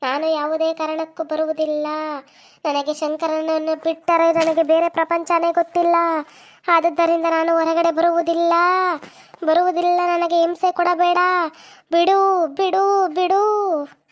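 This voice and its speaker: A shrill, very high-pitched ghost woman in a cartoon, possessive and desperate, crying again and again to be released. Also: level tone, a little slow, pauses often. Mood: defiant pleading. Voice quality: shrill, pleading. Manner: repeats cries of protest, defiant then begging. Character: possessive female ghost clinging to her beloved.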